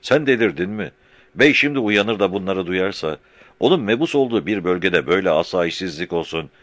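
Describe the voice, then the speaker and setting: A man's voice: low-pitched, fairly quick, fairly bright tone, no echo. A man voicing an indignant middle-aged town notable who scolds in a raised, angry voice. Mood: scolding. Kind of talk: audiobook character voice.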